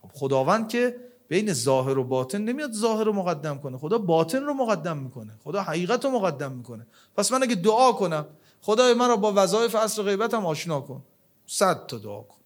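A man preaching a religious sermon, his voice swinging between loud, emphatic questions and low, hushed lines, with Arabic verses and prayers quoted along the way. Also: sing-song.

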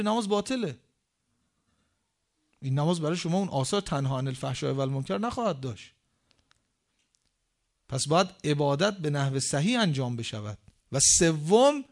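A man delivers a sermon in a voice pitched a little higher than most. He questions his listeners rhetorically and recites scripture slowly and deliberately. His emphasis rises and falls sharply, loud on key words and dropping to near quiet at the ends of points. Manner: emphatic swings in pitch and loudness. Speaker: preacher.

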